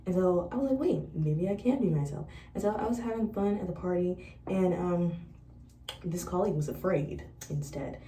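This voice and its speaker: In an echoey room, slightly away from the mic, a young woman in college talks at a normal speed in a fairly low voice. She's vlogging, chatting about her life and acting out old conversations in a lively, storytelling way. Some slight background noise is present.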